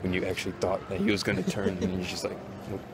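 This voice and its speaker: A young man filming a casual vlog on a phone at arm's length as he walks through a mall and cinema, excitable and saying "dude" and "bro" constantly. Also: deep voice, fast talker, background noise. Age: young adult. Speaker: vlogger. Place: shopping mall and cinema, indoors. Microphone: handheld phone at arm's length.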